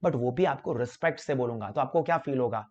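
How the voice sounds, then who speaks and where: A man with a Gujarati accent teaching commerce students, lecturing in a lively way and acting out phone chats as examples. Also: medium pitch, fast talker. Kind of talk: classroom lecture mixing Hindi and English. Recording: dull lo-fi lecture recording.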